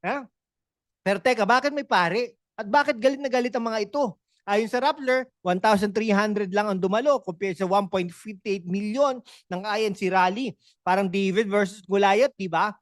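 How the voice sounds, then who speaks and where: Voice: mid-range voice, normal speed, no echo, studio quality. A host with a Filipino accent giving political commentary on a vlog, sarcastic and full of rhetorical questions and tag questions. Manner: conversational, with frequent tag questions.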